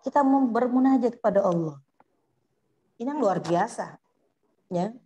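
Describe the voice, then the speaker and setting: A woman's voice: a little high, expressive, moderate pace, warm tone. A woman teaching a study circle for mothers, asking them questions and acting out heartfelt prayers. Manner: addresses listeners as Bunda, asks questions. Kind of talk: Islamic study circle talk. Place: women's study gathering.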